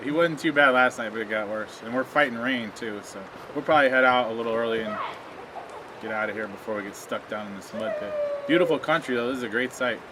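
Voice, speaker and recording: A man hosts a camping vlog in relaxed, joking chatter. He speaks at an ordinary pitch outdoors. Steady background noise sits under the camera audio. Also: fast. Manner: easygoing, joking. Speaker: vlog host. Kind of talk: casual vlog chat. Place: outdoor campsite.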